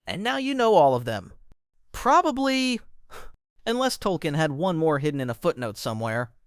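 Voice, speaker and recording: A man reading a scripted lore explainer, with a wry, joking manner and quick comic asides. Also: on the high side, very animated, smooth, no room sound, clean studio sound. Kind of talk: scripted narration.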